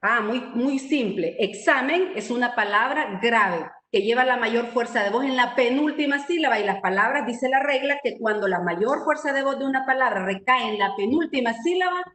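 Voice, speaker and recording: A woman's voice: a little high, animated, normal speed, few pauses, fairly bright tone, roomy sound. Patient woman teaching grammar. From El Salvador. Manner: patient, explanatory, frequent checking tags. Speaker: writing and spelling instructor. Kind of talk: online training lesson.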